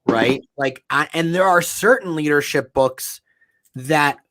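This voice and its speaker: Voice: mid-range voice, takes it slowly, pushed and bright, no echo. A podcast host talks loosely and jokingly, wandering through stories with many fillers. The voice sounds dry and close. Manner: joking, meandering, filler-heavy. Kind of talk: casual chat.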